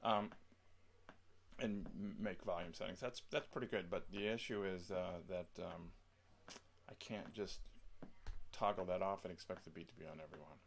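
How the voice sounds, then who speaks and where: A man giving a casual software tutorial, thinking aloud and rambling with many pauses and restarts. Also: sits low, gravelly, a little hiss or hum. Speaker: music software tutorial presenter. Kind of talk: casual screen-share tutorial.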